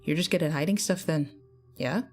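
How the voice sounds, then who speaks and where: A woman doing a nasal, laid-back scruffy dude in a storybook reading, low and casual. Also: moderate pace, a little mellow, faint music behind, lightly acted. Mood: offhand nosy. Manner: casual, nosy, offhand. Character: scruffy young adult male entity.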